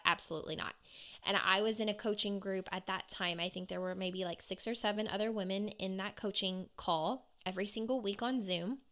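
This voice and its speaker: Bright young woman, candid personal storytelling, chatty with fillers, podcast host. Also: mid-range voice, smooth. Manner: candid, conversational, many "like" fillers.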